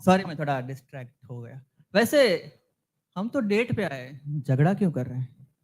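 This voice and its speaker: A man's voice: a little high, very animated, normal speed, a little mellow. A man playing a talkative young content writer on a date in a scripted comedy sketch, preachy and fawning.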